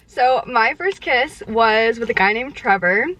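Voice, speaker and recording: A young woman with a slightly high voice talks candidly to her viewers, leaning on "like" as she goes. She is eating while she answers, now and then with her mouth full. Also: expressive, unhurried, fairly bright tone. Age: young adult. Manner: chatty and candid, heavy use of "like". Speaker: vlogger answering viewer questions. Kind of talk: casual chat.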